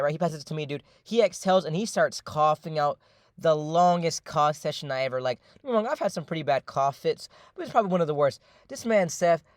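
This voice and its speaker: A man's voice: fairly high pitch, no echo, clean studio sound. A young man casually telling a story about his job, rambling, slangy and profane, with lots of fillers. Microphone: voice-over.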